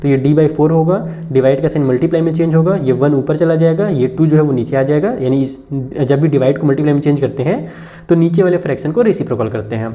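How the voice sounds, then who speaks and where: A man's voice: fairly high pitch, quick pace, mellow. Patient man teaching maths, lo-fi. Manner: explains step by step, addressing students directly. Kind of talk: classroom math lesson. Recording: dull lo-fi recording.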